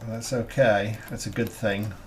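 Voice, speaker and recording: A man talking through a scale model build step by step, halting and thinking aloud with plenty of fillers as he works. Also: on the low side, flat delivery, a little hiss or hum. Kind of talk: hobby build tutorial.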